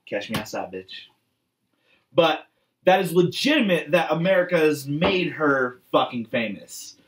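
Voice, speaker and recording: A man's voice: on the high side, a little slow, far from the mic. A man in his late twenties or early thirties from Massachusetts, co-hosting a podcast in casual, profane, exasperated chat. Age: late 20s to early 30s. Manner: animated, exasperated ranting. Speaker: podcast co-host.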